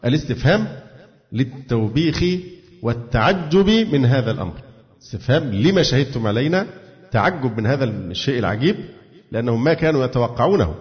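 A man with an Egyptian accent teaching a religious exegesis lesson, asking himself questions and answering them. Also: medium pitch. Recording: echoey, dull lo-fi recording.

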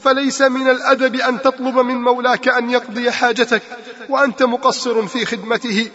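A man's voice: very high-pitched, little pitch movement, fairly quick, sharp tone. A man preaching a sermon, calling out to his listeners with repeated rhetorical questions. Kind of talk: sermon with Quran recitation. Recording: long reverb, muffled lo-fi sound.

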